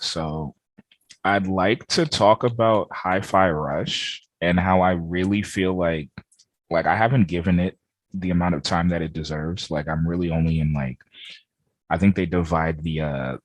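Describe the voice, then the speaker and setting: With no echo and a low voice at normal speed, this man co-hosts a gaming podcast via remote call. His relaxed chatter wanders, sprinkled with plenty of "like" fillers.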